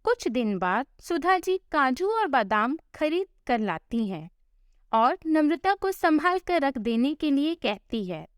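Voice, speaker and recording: A woman with a high, lively voice narrates a scripted family tale at an unhurried pace. The sound is close and dry, with no room around it. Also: no echo. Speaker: storyteller.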